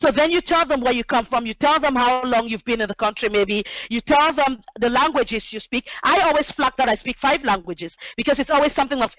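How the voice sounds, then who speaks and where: A direct woman in her forties, originally from Cameroon, gives practical career advice in a fairly high voice, filling her pauses with "um." The sound is dry and dull, like lo-fi call audio. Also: dry recording. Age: 40s. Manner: direct, practical, with many fillers. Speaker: human resources expert guest. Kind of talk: answering questions in an online session.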